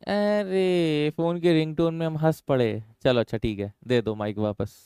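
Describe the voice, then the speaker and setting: एक पुरुष शिक्षक कक्षा में रसायन पढ़ाते हुए, हिंदी और अंग्रेज़ी मिलाकर फुर्ती से और छात्रों को छेड़ते हुए बोलता है।. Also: male voice, medium pitch, animated, warm tone, clean tone, no room sound, studio quality. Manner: brisk, teasing, mixes Hindi and English. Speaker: chemistry teacher. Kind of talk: classroom lecture. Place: classroom.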